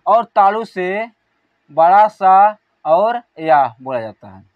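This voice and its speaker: A man teaching an exam-prep grammar lesson, asking questions and answering them himself, calling out syllables one by one and trailing off softly. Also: high-pitched, expressive, takes it slowly, dry recording, narrow, tinny audio.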